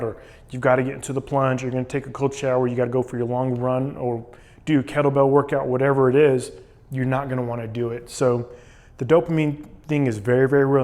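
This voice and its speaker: Sitting in ice-cold water for a cold plunge challenge, a vlogger talks casually and explains things in a monologue. His mid-range voice is a little mellow.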